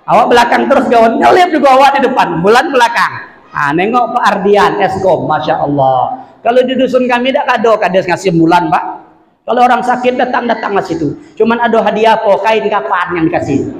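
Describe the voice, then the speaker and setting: A man preaching a humorous village sermon with a South Sumatran Malay accent, shouting and crying out for emphasis between jokes. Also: high-pitched, expressive, brisk, a little hiss or hum. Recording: echoey hall, long reverb.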